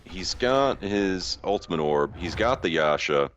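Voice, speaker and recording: A man's voice: low voice, lively intonation, measured pace, highs cut off. A man giving casual, joking play-by-play commentary on a video game. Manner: joking, conversational. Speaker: esports commentator.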